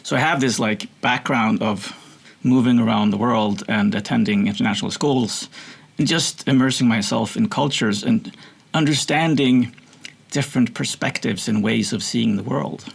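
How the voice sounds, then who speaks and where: Gravelly husky-voiced Swedish man. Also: medium pitch, moderate pace. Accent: American-sounding, from international schools. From Sweden. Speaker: guest. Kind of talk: conversational interview.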